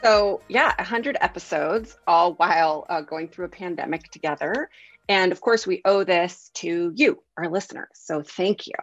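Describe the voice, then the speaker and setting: Woman, podcast co-host, tired, casual chat, lowish pitch, slightly dull dry recording. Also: normal speed, soft background music.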